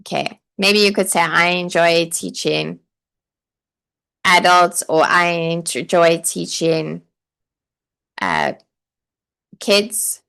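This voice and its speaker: A fairly low-pitched woman speaks slowly and with animation, her voice creaky yet clear, resonant and fairly bright, broken by long pauses. She coaches aspiring online teachers in a live online session, chatty and encouraging, reading comments aloud amid many "like" and "okay" fillers.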